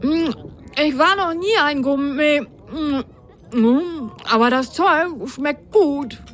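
A woman's voice: high voice, takes it slowly, fairly bright tone, voice pushed up. A woman voicing a hungry male sock who talks and hums with his mouth full in a storybook. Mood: munching. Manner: munching, humming with food in mouth.

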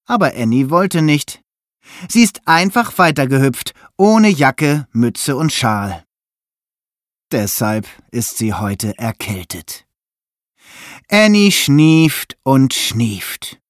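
A man reading a children's story aloud in a lively, expressive way. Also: mid-range voice, slow, no room sound, studio quality. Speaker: narrator.

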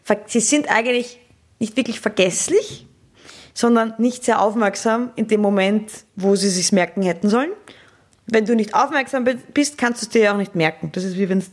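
A young woman with an Austrian accent, co-hosting a podcast in casual chat, talking fast and laughing often. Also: medium pitch. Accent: Austrian German. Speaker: podcast co-host.

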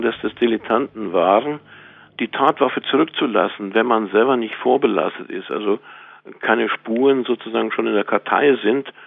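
A man being interviewed as an expert explains things in a measured, matter-of-fact, analytical way, with halting spontaneous phrasing. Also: mid-range voice, gravelly. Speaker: interviewed author and crime researcher. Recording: tinny phone-like narrow band, dry.

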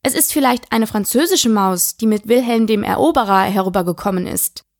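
A woman's voice: medium pitch, a little fast, dry recording, studio quality, natural voice. A woman voicing a polite, curious young girl who chatters eagerly and apologizes often.

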